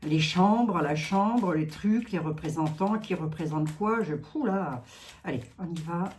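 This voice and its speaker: A woman's voice: fairly low pitch, lively intonation, unhurried, darkish tone, slight background noise. A French-speaking woman doing a card reading, chatting casually with her viewers and filling her talk with asides. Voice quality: chatty, talks to viewers, many asides and "hein". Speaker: card reader.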